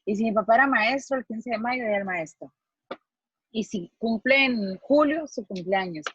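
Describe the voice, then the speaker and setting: A woman's voice: on the high side, normal speed, fairly bright tone, husky, no echo, muffled recording. A middle-aged woman from Mexico, a psychologist, giving an earnest, explanatory lecture to students and acting out the phrases she quotes.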